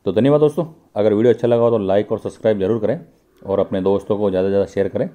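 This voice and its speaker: Fairly low in pitch and racing along, his voice comes through with phone-quality sound. This channel host films a pipe factory's indoor workshop and explains the process directly to viewers in a walkthrough vlog.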